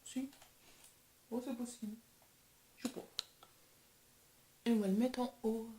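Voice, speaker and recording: A woman's voice: fairly high pitch, steady tone, measured pace, dark tone, roomy sound, a little hiss or hum. A young woman vlogger chatting casually and self-deprecatingly while testing makeup. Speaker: beauty vlogger. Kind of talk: casual chat.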